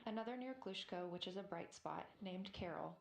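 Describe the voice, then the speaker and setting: A woman's voice: lowish voice, fairly quick, creaky, a loud crowd. Female spaceflight commentator, echoey sound. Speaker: mission control commentator.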